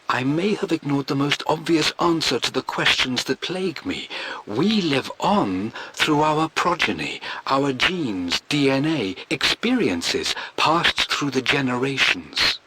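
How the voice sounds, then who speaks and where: In a video game, an actor voices a stubborn, devoted aristocratic explorer with a British accent, reading from his diary in a formal, theatrical style. The voice is medium-pitched and lightly acted, with some background noise.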